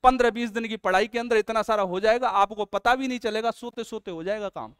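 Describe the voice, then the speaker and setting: A man's voice: high voice, fast, a bit bright, clear, resonant tone, no echo, studio quality. A man, an exam coaching teacher, walking students through a test series in an earnest, coaxing way. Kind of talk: promotional explainer lesson.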